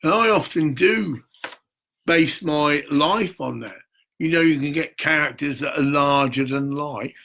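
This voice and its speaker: In a self-made video, an older man who runs a charity rambles through a mystical, theatrical monologue, emphatically addressing his viewers. His voice is highish, bright and forceful, with vocal fry and a measured pace.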